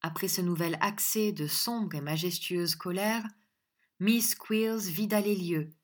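A woman narrating a classic novel aloud in steady, measured storytelling. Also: on the low side. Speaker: audiobook narrator.

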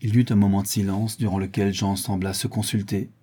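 Brief: calm male audiobook narrator, husky and low-toned. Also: a little fast. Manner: calm, even storytelling.

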